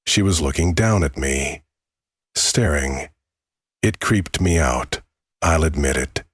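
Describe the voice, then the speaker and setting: A man narrating a scripted first-person horror story in a measured way, with dramatic pauses. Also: a bass voice, lively intonation, slightly rough, no room sound, clean studio sound.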